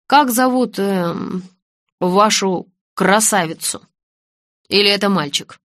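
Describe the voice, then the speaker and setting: A woman reading an audiobook, voicing a calm, amused older man. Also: medium pitch, slow pace, no echo, studio quality.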